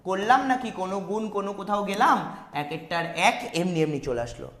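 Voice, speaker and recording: His voice sits high with lively intonation, a normal pace, a slightly bright tone and a roomy sound. This West Bengal Bengali-accented man leads a live online math class, repeating steps, asking students "ঠিক আছে?" and reading their chat questions out.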